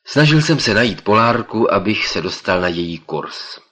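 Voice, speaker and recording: A male audiobook narrator with a very low, deep voice. He tells a first-person story in steady, measured scripted narration, with an even, unhurried flow.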